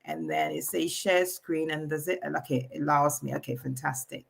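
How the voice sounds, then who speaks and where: Low-voiced woman on a video call. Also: very animated, vocal fry, breathy edge. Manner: halting, many fillers and restarts. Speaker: AI coach for entrepreneurs.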